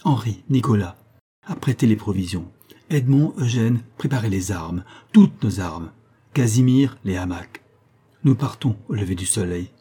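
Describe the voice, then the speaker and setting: A man's voice: on the low side, lively intonation, measured pace, dark tone, slightly rough. A man playing a resolute exiled father who talks in a firm, commanding way.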